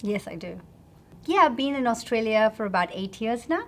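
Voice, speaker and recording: A middle-aged woman from India, answering interview questions in a measured, explanatory way with frequent fillers. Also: a little high, animated, fairly bright tone. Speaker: interview guest.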